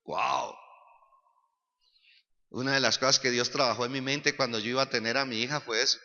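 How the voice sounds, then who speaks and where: A male pastor preaching a sermon, animated and building up to shouts. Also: medium pitch, normal speed, creaky. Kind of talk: church sermon. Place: church sanctuary. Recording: reverberant church hall, dull sound.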